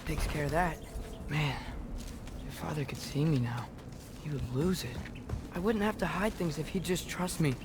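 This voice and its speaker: A man's voice: on the high side, normal speed, pauses often, music in the background, lightly acted. An actor, a man, playing an earnest, stubborn teenage boy adventurer in a fantasy video game. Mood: musing.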